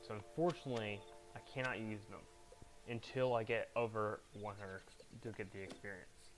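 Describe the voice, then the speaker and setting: A man's voice: lowish voice, steady tone, moderate pace, faint music behind. A man giving casual commentary as he hosts his own video game challenge run. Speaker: gamer, challenge-run host.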